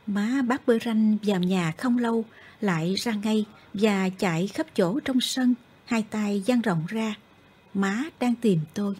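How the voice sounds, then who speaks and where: A woman reading a story aloud in a gentle, expressive way, over soft background music. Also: medium pitch, measured pace, slightly rough. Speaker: audiobook narrator. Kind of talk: storybook narration.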